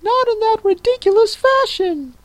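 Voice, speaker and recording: A man voicing a tiny, sulky male dormouse in a storybook, squeaky and indignant. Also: animated, moderate pace, no room sound.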